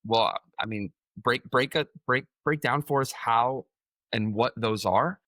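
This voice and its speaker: Bright-voiced male podcast host. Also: mid-range voice, no room sound. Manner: sums up the guest's points, then asks long, halting questions. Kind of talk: casual podcast interview.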